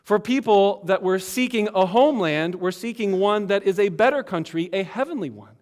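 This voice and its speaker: A high-pitched male pastor delivering a sermon in an earnest, emphatic way. His voice climbs and swells on key points, then drops to a hushed, quiet level, as if into a pulpit microphone. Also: expressive, moderate pace. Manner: earnest, emphatic preaching with swings between loud and hushed.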